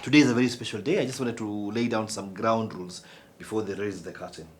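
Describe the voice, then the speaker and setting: A man playing a teacher in a comedy sketch, talking in a flustered, animated way. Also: lowish voice, fast talker.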